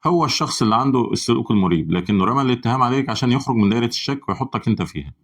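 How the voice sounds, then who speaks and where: A man with an Egyptian Arabic accent presenting a psychology channel in scripted explainer narration, with brisk, even, instructive delivery. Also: medium pitch.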